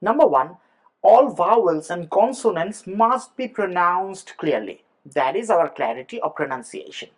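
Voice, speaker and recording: Slow-talking male tutor. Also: high-pitched, lively intonation. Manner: explains step by step, spells out words letter by letter. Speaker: exam prep tutor. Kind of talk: teaching lesson mixing Bengali and English.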